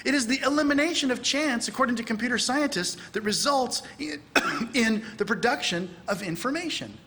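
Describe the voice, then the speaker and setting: A man's voice: very high-pitched, normal speed. A middle-aged man giving a lecture to a church audience from the pulpit, acting out bits of dialogue in a raised voice. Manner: animated, acts out dialogue with raised voice. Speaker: speaker at a church conference. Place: large church hall.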